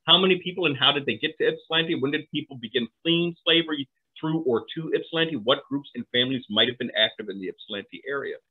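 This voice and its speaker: A man's voice: a little high, fast talker, slightly rough. A middle-aged man giving an online history lecture from home on a video call, talking conversationally with asides and tag questions. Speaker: historian presenting a talk. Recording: phone-like narrow audio.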